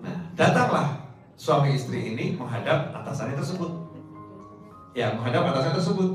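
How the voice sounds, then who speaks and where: A middle-aged man preaching a lively sermon to a congregation, with playful, joking asides to his listeners. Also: on the high side, fairly quick. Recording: echoey hall from far off, faint music.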